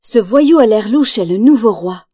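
A woman narrating a children's storybook aloud, lively and expressive. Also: fairly high pitch, normal speed, no room sound, clean studio sound. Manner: lively, acts out quotes in raised voice.

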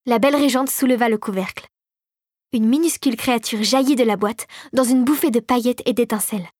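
A woman narrating a Christmas fairy tale audiobook in a calm, measured storytelling voice. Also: on the high side, no echo, clean studio sound.

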